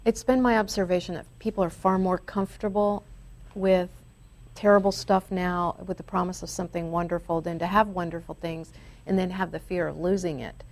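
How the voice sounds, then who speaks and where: A woman's voice: on the low side, fairly even intonation, fairly quick, a little mellow. A woman hosting a spiritual talk show, speaking in an earnest, reflective and uplifting way. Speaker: show host. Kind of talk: spiritual talk radio chat.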